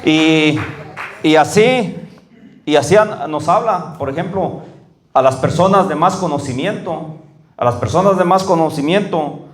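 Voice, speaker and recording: Guy preaching, kinda high voice, echoey church room, keeps asking ¿verdad?. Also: expressive. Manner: conversational, frequent "¿verdad?" checks with congregation; slows down and rises in pitch when reading scripture. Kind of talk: sermon. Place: church hall.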